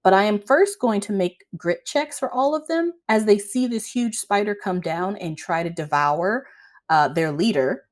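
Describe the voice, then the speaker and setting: A woman's voice: mid-range voice, normal speed. A woman narrating a tabletop role-playing game as game master in an informal, improvised way.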